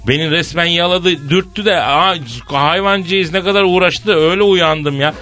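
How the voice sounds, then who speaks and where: Bright-voiced joking male radio host. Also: sits high, normal speed. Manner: jokey storyteller, spins long anecdotes. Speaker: radio morning show host. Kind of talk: casual comic banter on radio.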